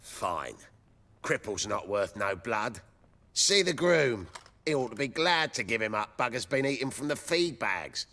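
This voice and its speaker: An actor playing a surly, sardonic middle-aged quartermaster. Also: male voice, mid-range voice, big pitch swings, unhurried, sharp tone, full character voice. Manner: gruff, sardonic.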